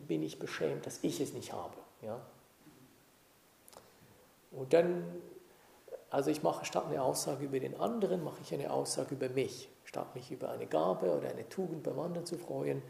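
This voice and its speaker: A man teaching meditation to a group, speaking in a calm, unhurried way and often checking that his listeners follow. His voice is gravelly and mellow. He is heard in an echoey room with a faint hiss underneath. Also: fairly high pitch. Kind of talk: dharma talk to a group.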